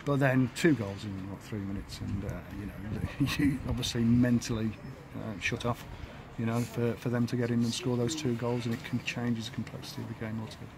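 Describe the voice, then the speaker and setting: A man in his fifties, an English football manager, giving a halting post-match interview outdoors by the pitch, full of fillers and restarts. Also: level tone. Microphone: handheld camera at close range. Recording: outdoor noise behind.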